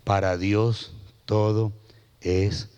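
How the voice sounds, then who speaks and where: Animated middle-aged preacher, churchy reverb. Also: male voice, fairly low pitch, drawn-out words, smooth. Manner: animated preaching, storytelling with shouted peaks and quiet drops. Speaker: guest pastor. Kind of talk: sermon. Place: church sanctuary. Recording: long hall reverb of a church.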